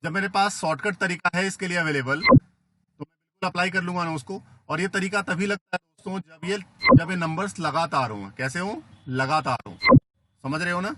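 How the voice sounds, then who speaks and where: A man teaching math in a classroom lecture, often asking "है ना?" to check understanding and gently teasing students. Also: high voice, brisk, a little hiss or hum. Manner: coaxing, asks "है ना?" and "ठीक है?" after each step; playful teasing of students, calls them बेटा. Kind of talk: classroom lecture mixing Hindi and English.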